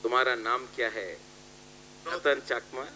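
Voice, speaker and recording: A man's voice: medium pitch, measured pace, pushed and bright, a little hiss or hum. A man giving a rousing political rally speech, calling out and repeating his appeals to the crowd.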